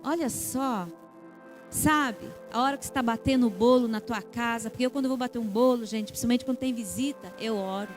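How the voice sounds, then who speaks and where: A middle-aged Brazilian woman pastor preaching a sermon, lively, acting out little dialogues and gasps. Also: on the high side, brisk, soft background music. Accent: Brazilian Portuguese.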